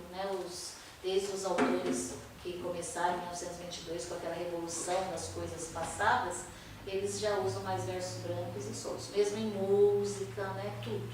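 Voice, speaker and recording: A woman's voice: mid-range voice, background noise. Woman teaching a poetry workshop. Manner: explanatory, checks in with frequent rhetorical "né?". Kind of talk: classroom lecture on verse and rhyme. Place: workshop classroom. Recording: echoey room, voice from a distance.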